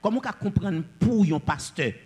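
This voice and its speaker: A man preaching a sermon, swinging between loud declamations and low asides. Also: lively intonation, normal speed, breathy edge, big-room sound.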